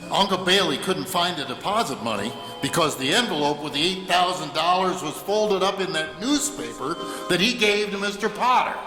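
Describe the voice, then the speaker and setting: Man as measured senior angel in an echoey hall. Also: high-pitched, lively intonation, over music. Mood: explanatory. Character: heavenly senior angel, calm and authoritative storyteller. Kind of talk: dramatic narration in a stage radio play.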